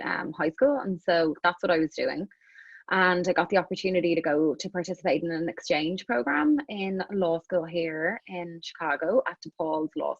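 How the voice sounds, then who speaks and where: A woman's voice: lowish voice, no echo, muffled recording. A woman in her thirties with an Irish accent, talking as an interview guest in a chatty way with many restarts. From Ireland. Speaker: guest, immigration attorney. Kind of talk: conversational interview.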